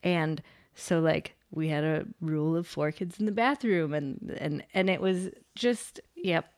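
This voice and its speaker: A woman's voice: deep voice, unhurried, darkish tone. A young woman, a preschool teacher, chatting casually about her recordings, full of filler words and laughter. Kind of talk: casual podcast chat.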